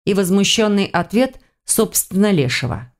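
A woman reading a first-person fantasy audiobook in a lively, expressive storytelling manner. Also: medium pitch, moderate pace. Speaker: audiobook reader. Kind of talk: scripted first-person narration.

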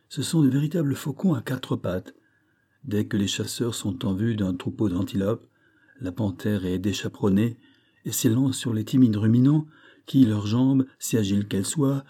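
A man's voice: on the low side, warm tone, lightly acted. A man reading an audiobook, voicing a pompous, lecturing middle-aged animal dealer who declaims in grand, wordy phrases. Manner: grandiloquent, declamatory, fond of rare words.

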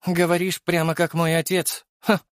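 A man's voice: a little high, level tone, moderate pace, dry recording, clean studio sound, voice pushed up, close to an everyday voice. A man reading an audiobook and voicing a teasing, mischievous young noblewoman who mocks playfully and theatrically.

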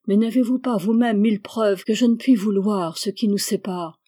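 A woman takes the part of a remorseful young lover pressing his case in a storybook reading. He pleads earnestly and insistently, and the voice stays mellow and warm. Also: medium pitch, normal speed, close to an everyday voice. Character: remorseful young man begging forgiveness.

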